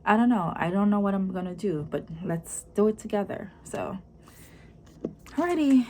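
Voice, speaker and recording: A woman with a Jamaican accent chatting casually in a vlog, explaining things as she goes in an unhurried, conversational way. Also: mid-range voice, expressive, a little mellow. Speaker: vlogger. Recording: clearly noisy room ambience.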